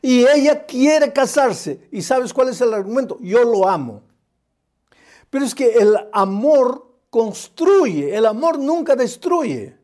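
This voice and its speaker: A man's voice: very high-pitched, very animated, takes it slowly, hardly any pauses, darkish tone. A male pastor preaching a sermon in an earnest way, acting out quoted people and asking rhetorical questions.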